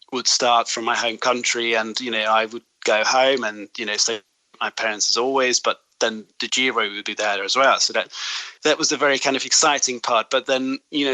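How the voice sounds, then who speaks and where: Thoughtful man from Hungary, bright tone. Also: mid-range voice, dry recording, poor audio. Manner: reflective, hesitant with many fillers. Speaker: guest photographer. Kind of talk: recorded interview clip.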